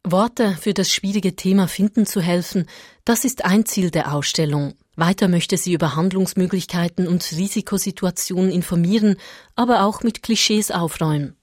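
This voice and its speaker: A woman reporter reading a scripted radio news feature in an even, measured way. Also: on the low side, no room sound, studio quality.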